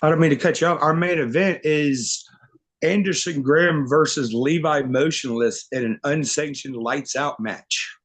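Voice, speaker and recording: A man's voice: a little high, normal speed. A man who promotes wrestling shows, talking casually in an interview, brash and eager to hype his event. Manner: brash, hypes his event, announcer voice for the show details.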